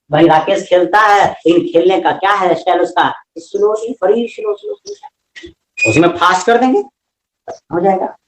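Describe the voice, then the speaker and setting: A man with a Hindi accent teaching English grammar in a classroom lecture, lively and often asking questions that he then answers himself. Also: sits high, reverberant, slight background noise, low-quality recording.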